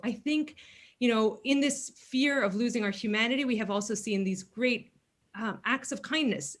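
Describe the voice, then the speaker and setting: A woman in her thirties from Greece, a congressional candidate answering questions earnestly in a virtual forum, with frequent fillers. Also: fairly high pitch. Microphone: video call.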